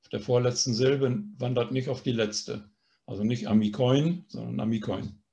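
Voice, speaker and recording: A man's voice: medium pitch, fairly even intonation, moderate pace, creaky, mellow, dull audio. A man teaching a language course, explaining grammar patiently and often checking in with a questioning "ne?". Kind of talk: online language lesson.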